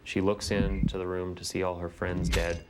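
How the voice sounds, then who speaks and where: A man with a very deep voice that stays flat and monotone as he describes a film scene. The recording carries clear background noise. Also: normal speed. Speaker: interviewee. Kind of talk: interview commentary on films.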